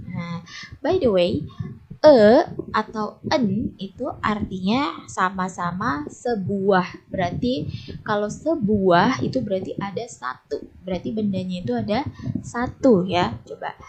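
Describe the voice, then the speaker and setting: An English teacher with an Indonesian accent giving a patient lesson to young teens, repeating each word slowly for the class to echo. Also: female voice, medium pitch, a little mellow, husky.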